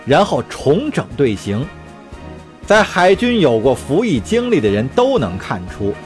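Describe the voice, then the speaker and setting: A man narrating an audio drama in an expressive, dramatic way. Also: fairly high pitch.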